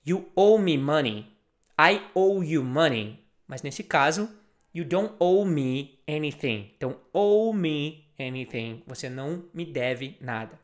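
A man teaching a video lesson, repeating example phrases slowly and deliberately. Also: fairly high pitch. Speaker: language teacher.

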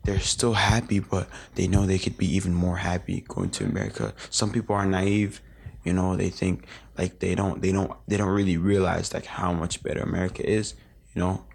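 A man's voice: low voice, normal speed, vocal fry, a little mellow, husky. A young man in his late teens, a guest in a casual interview, rambling through his memories with lots of filler words and restarts.

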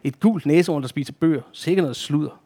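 A skeptical little girl who teases and waves things off, as a man reads her aloud. Her voice is a touch raised in pitch. The scene comes from a children's storybook. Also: dark tone. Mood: teasing. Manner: mocking, dismissive. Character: teasing, skeptical young girl on a bike.

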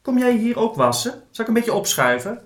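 A man's voice: on the high side, sing-song, a little slow, fairly bright tone, roomy sound. A man voicing a friendly, hard-of-hearing male raccoon in a read-aloud storybook passage. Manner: friendly, puzzled.

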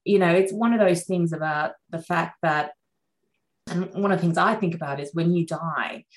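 Middle-aged woman surgeon, Sri Lankan-born, low voice, chatty and reflective interview guest. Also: moderate pace, rough recording. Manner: chatty, reflective, frequent fillers. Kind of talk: relaxed interview conversation.

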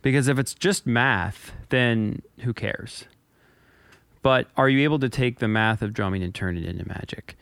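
A man's voice: medium pitch, moderate pace, creaky, fairly bright tone, clean tone, no room sound. A man co-hosting a casual podcast, telling a rambling story with frequent restarts and stutters. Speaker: podcast co-host and drummer. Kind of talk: casual chat.

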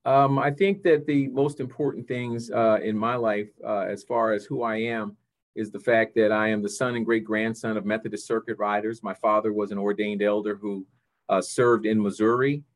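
An older man answering interview questions over a video call, halting often as he searches for phrasing. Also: lowish voice, steady tone. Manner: halting, hesitant phrasing with frequent pauses. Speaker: interview guest, church district superintendent.

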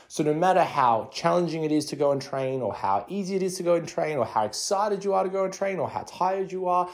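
A man in his thirties hosts a solo fitness podcast from his home garage, speaking casually in a mid-range, darkish voice. He gives coaching tips in short, repeated, conversational phrases, recorded on a handheld or personal device.

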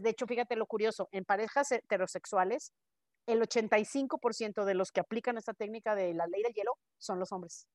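A Mexican woman co-hosting a podcast, chatting in an animated way and acting out quoted dialogue. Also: a little high, no echo, studio quality. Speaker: podcast co-host. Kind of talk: casual podcast chat.

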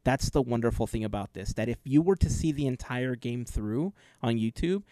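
A man's voice: medium pitch, animated, normal speed, dark tone, no room sound. A man co-hosting a casual podcast chat, explaining his gaming experience earnestly and at length. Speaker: podcast co-host and gameplay video creator.

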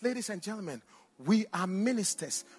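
A middle-aged Ghanaian preacher with a notably high voice tells a story from the pulpit. He drops to a near hush, then rises into loud outbursts, speaking straight to his listeners. The sermon is lively and full of drama. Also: moderate pace, husky. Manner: animated, swings from hushed to shouting, addresses the audience directly. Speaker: pastor.

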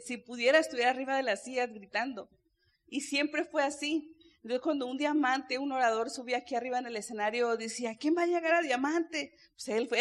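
A woman speaks from a convention stage, sharing her story in an earnest, personal way. Her voice sits high. She keeps turning to the audience and talking to them directly. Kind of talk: motivational stage testimony. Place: stage before a live audience.

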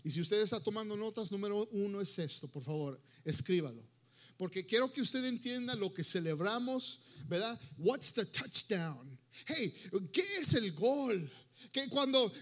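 A man preaching a sermon in a church, animated, dropping into English and acting out little everyday scenes. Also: high-pitched. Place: church sanctuary.

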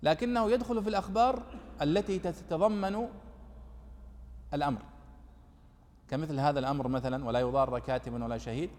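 Guy giving a religious text lesson, quick talker, slightly high voice, long hall reverb. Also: darkish tone. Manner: explanatory, addresses students directly. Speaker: teacher. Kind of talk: Quranic commentary lesson.

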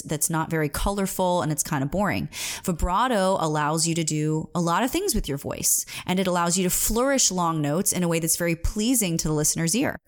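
A woman in her thirties speaks as a singing coach, earnest and emphatic, weaving a personal story into a pep talk. Her voice sits a little low for a woman. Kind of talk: motivational talk to camera.

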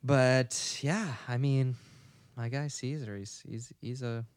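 A young man co-hosting a podcast in casual chat, laughing often and talking in an animated way. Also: mid-range voice, slow, smooth, no room sound. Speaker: podcast co-host.

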